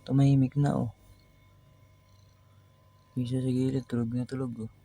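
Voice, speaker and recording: Husky, very dark-voiced man coaxing his cat. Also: level tone, a little slow. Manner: teasing, coaxing talk to a cat, soft and low-key. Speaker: pet owner filming his cat. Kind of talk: casual chat to a pet.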